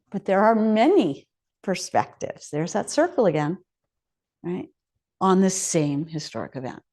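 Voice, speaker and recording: In the hall of a residential contemplative community, a woman chef's medium-pitched, slightly mellow voice carries a public talk told as a story, with rhetorical questions put to listeners.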